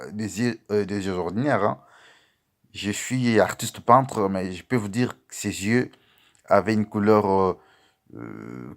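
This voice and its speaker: A man preaching as a pastor, telling a testimony to his listeners and calling them beloved, with sudden loud outbursts and quiet asides. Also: on the low side. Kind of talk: sermon testimony.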